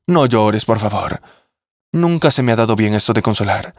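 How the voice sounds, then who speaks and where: A man's voice: lowish voice, animated, normal speed, no room sound, studio quality, lightly acted. A man voicing a young man who awkwardly tries to comfort a grieving widow. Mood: consoling. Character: young man consoling his stepmother, awkward.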